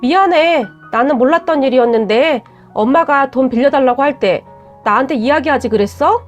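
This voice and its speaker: A woman's voice: high voice, a little fast, faint music behind, close to an everyday voice. A woman voicing a curt, defensive young man who talks bluntly and scolds. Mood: sorry, sulky.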